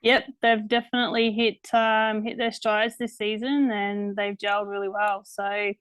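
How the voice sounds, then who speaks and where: A woman's voice: medium pitch, level tone, measured pace, fairly bright tone, smooth, dry recording, rough recording. A middle-aged woman in casual sports chat as a podcast co-host. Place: room at home, on a video call.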